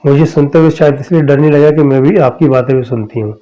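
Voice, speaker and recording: A man reading out a timid young woman in a spoken horror tale. She talks haltingly and hesitantly, in a mellow, warm tone. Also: a little high, lo-fi sound, natural voice. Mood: uneasy.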